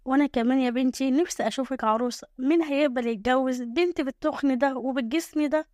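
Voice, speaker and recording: A woman's voice: high voice, fast, a little mellow, dry recording, lightly acted. Lady doing a worried egyptian mom scolding her daughter, close dry voice. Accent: Egyptian Arabic. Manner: pleading, scolding. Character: worried nagging village mother, middle-aged.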